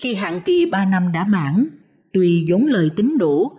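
A woman narrating a moral tale as a storyteller, reading calmly and evenly. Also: medium pitch, a little slow, slightly rough.

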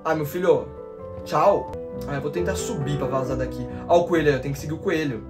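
A nineteen-year-old Brazilian man plays a horror game and talks straight to his viewers in slangy, excitable Portuguese. He spooks easily, shrieking and repeating words in bursts of panic, his voice sitting a little high. Game music plays clearly behind him. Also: brisk. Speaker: gaming YouTuber. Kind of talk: horror gameplay commentary.

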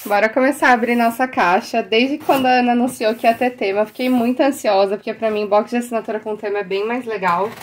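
A young adult woman with a Brazilian Portuguese accent, a teacher chatting excitedly to the camera as she unboxes stationery and breaks into delighted exclamations. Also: a little high, fast talker, hardly any pauses, a little hiss or hum. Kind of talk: casual unboxing chat to the camera.

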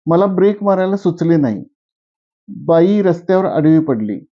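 A man reading a humorous short story aloud in a plain, steady first-person storytelling voice. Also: fairly high pitch, moderate pace. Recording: dull lo-fi recording.

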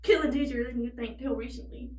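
A woman's voice: sits high, fast, darkish tone, lightly acted. A young woman playing a desperate, sorrowful tragic heroine in a dramatic monologue, pleading and confessing in anguish. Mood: haunted, confessing. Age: young adult. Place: indoors against a plain backdrop. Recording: roomy, distant microphone.

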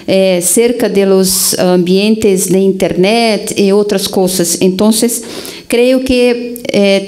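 Slow Brazilian woman mixing Spanish and Portuguese. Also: medium pitch, dark tone. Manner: halting Spanish mixed with Portuguese, many hesitations. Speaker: conference delegate. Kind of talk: formal remarks at a conference. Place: large conference hall. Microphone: gooseneck table microphone.

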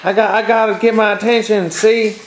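A man voicing his pet dog as an attention-hungry, cocky little character who talks in quick patter. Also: sits high, flat delivery, voice pushed up, lightly acted. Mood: needy. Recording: roomy echo, faint noise.

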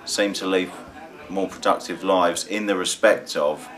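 Guy in recovery talking in a vox pop, really deep voice, earnest. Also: fairly even intonation, measured pace, a bit bright. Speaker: person in recovery. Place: indoor studio with dark backdrop.

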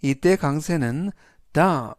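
A man teaching English vocabulary, reading each word and example sentence in slow, deliberate steps. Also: a little high, expressive, no room sound, studio quality. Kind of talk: scripted vocabulary lesson.

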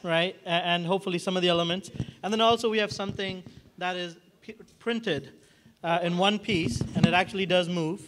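A man in his thirties hosts a college event, talking freely with frequent restarts and fillers. His voice sits high for a man. He holds a handheld microphone in a large hall. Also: fairly even intonation, a bit bright, slight background noise. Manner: halting, many restarts and fillers. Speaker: event host. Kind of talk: unscripted event hosting. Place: large hall with red walls and a projection screen.

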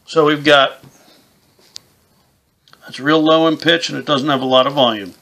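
Bright, gravelly-voiced middle-aged man explaining. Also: on the high side, fairly even intonation, normal speed. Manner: plain-spoken, informal, explains step by step. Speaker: instructor, game call maker. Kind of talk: casual hands-on product tutorial. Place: small indoor room with camouflage backdrop.

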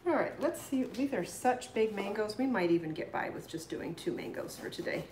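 A middle-aged woman with an expressive, darkish mid-range voice hosts a live cooking demo in her home kitchen, chatting and explaining at a moderate pace as she chops. A fixed camera across the counter captures the echoey room and the sound of a knife on a cutting board.

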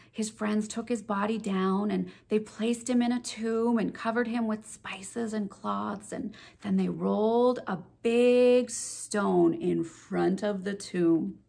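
A woman leading a children's Bible lesson, telling the story in an animated, expressive way for kids. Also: medium pitch, vocal fry, breathy edge. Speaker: children's ministry leader.

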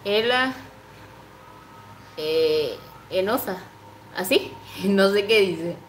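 A woman in her twenties chats on a livestream in a slow, unhurried way, reading out comments and giggling between them. She coos baby talk to her pet. Her voice carries the echo of a bare room with a faint hum behind it. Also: medium pitch, lively intonation. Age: 20s. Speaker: livestream host.

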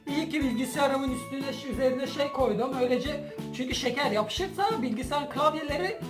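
A woman chatting casually to her viewers as a challenge host, animated and giggly, trying not to laugh. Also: sits high, brisk. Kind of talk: casual vlog chat to viewers. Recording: roomy echo, music behind.

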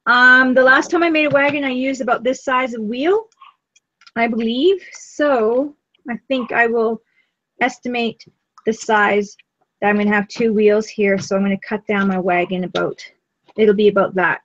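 A woman's voice: fairly high pitch, fairly even intonation, normal speed, a bit bright, no room sound, lo-fi sound. A woman co-hosting a live craft stream, chatting in an easygoing way while she works.

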